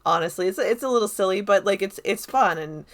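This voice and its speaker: A woman with a medium-pitched voice talks a little fast as she reviews a film. She's a video essayist, and her commentary is casual, unscripted, rambling, enthusiastic and conversational.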